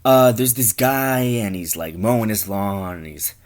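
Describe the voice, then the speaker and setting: A man's voice: on the low side, measured pace, darkish tone. A man rambling through a crude improvised comedy story, joking at his own expense. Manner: rambling, crude, self-deprecating.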